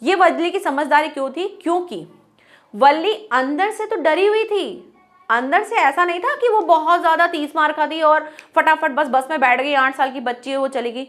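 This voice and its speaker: A woman teacher with a high, light voice talks students through a lesson. She mixes English terms into her explanation, poses rhetorical questions, and acts out little bits of dialogue to make her points. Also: normal speed, fairly bright tone. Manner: explains in Hindi mixed with English words, asking herself rhetorical questions.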